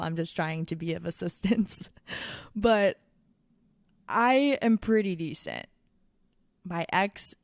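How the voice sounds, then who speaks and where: A woman's voice: lowish voice, no room sound, studio quality. A young woman in her twenties hosting a casual solo podcast, talking candidly and crudely with lots of swearing and laughter. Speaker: podcast host.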